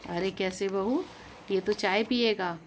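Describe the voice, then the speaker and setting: A woman's voice: mid-range voice, slow pace, a little hiss or hum, close to an everyday voice. A woman voicing a stubborn, traditional middle-aged mother-in-law who complains and insists on her own ways, in a storybook tale. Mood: insistent.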